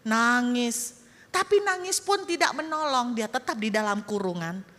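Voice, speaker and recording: A woman pastor preaches in a lively storytelling style, often turning to speak straight to her congregation. Her voice sits high and bright. It rings out into the long echo of a church hall. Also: normal speed. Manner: lively, addresses the congregation directly. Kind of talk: storytelling sermon.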